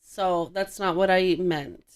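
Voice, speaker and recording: A woman's voice: on the low side, steady tone, slow pace, clean tone. Chatty woman podcast host with a sick voice. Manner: chatty, with frequent restarts and self-corrections. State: sick, congested voice. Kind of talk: casual podcast chat.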